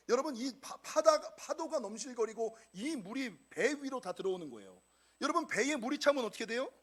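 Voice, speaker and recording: A middle-aged male pastor preaching a sermon, addressing the congregation directly and acting out quoted voices. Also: extremely high pitch. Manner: animated, acts out quoted voices.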